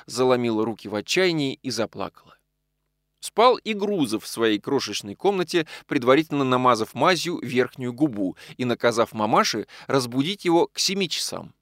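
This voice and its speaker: A man narrating an audiobook with expressive storytelling. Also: mid-range voice, no room sound, clean studio sound. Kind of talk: scripted narration.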